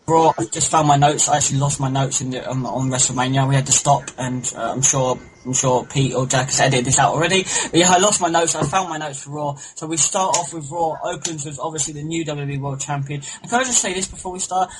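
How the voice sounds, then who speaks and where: A young man chats on a homemade podcast, rambling and excitable, dropping swear words freely. His voice sits a touch high. A clear hiss runs under the recording. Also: fast, few pauses. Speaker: podcast co-host. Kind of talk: casual chat. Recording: noisy home recording.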